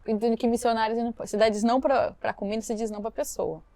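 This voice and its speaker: A woman from Brazil tells her missionary story at a fast clip in a fairly high voice, acting out each quoted line with energy. She sounds close and dry, with hardly any room sound. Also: no room sound. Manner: animated storytelling, acts out quoted dialogue. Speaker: missionary guest. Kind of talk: storytelling interview.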